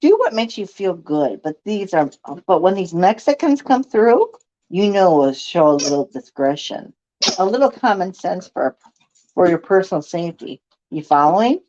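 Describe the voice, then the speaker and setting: A woman's voice: on the low side, big pitch swings, normal speed, mellow, lo-fi sound. A woman voicing a nosy, condescending middle-aged neighbor woman who chats and pries while reading a novel aloud. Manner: chatty, condescending, prying.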